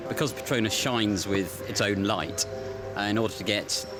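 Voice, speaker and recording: A man's voice: fairly low pitch, normal speed. A male film crew member explaining a shoot matter-of-factly in a behind-the-scenes interview. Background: loud music.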